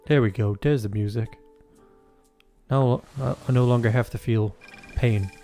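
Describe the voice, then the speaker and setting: A man's voice: medium pitch, fairly even intonation, a little slow, mellow. Crude, joking male game commentator. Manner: crude, joking and rambling, with frequent restarts. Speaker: gaming video host. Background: faint game music.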